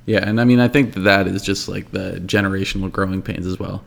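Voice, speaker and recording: A man co-hosting a podcast, chatting in a relaxed, agreeable way with plenty of hedging fillers. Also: deep voice, fast, creaky. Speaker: podcast co-host. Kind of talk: casual podcast conversation.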